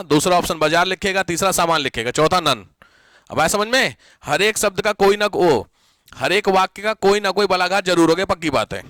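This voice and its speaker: A man teaching a Hindi grammar class, repeating examples slowly, often asking the students whether they have understood and mixing English words into his Hindi. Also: high-pitched, sharp tone, no echo. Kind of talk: classroom lecture.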